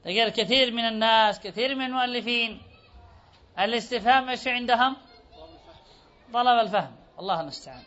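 A man's voice: extremely high pitch, fast talker, pauses often, sharp tone. A man teaching a grammar lesson, quizzing students and repeating their answers back to them. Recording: dull lo-fi recording.

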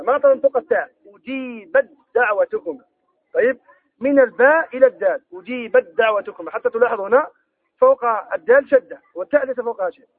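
A man teaching a Quran recitation lesson, explaining rules with questions to his students and reciting the examples slowly. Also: extremely high pitch, slightly rough, no echo, narrow, tinny audio. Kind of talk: tajweed lesson.

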